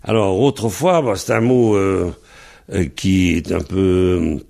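A man's voice: sits low, slow pace, creaky, warm tone. A man teaching Breton pronunciation, patiently spelling words out letter by letter. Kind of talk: slow spelled-out language lesson.

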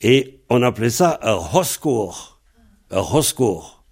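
A man teaching a language lesson, patiently repeating words and phrases slowly so they can be pronounced. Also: medium pitch, expressive, creaky, darkish tone, husky.

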